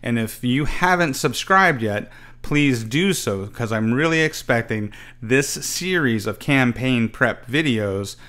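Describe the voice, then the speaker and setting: A man's voice: medium pitch, lively intonation, slow pace, hardly any pauses, fairly bright tone. A middle-aged man hosting his own channel, giving an earnest, scripted explanation of how to prepare a tabletop game campaign. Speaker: channel host. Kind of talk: scripted tutorial narration.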